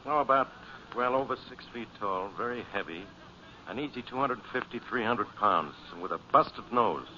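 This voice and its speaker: A gruff, impatient police inspector in old-time radio drama. His mid-range voice moves up and down widely as he talks bluntly, on a muffled, slightly noisy vintage recording. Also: medium pitch, lively intonation, moderate pace, bright, forceful tone. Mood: businesslike, insistent. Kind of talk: 1940s radio detective drama acting.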